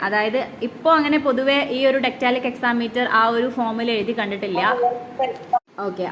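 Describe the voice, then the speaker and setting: A woman teaching a literature class, reading English lines slowly and then explaining them in her own words, with frequent "okay" fillers. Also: on the high side, roomy sound, slight background noise. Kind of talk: classroom lecture.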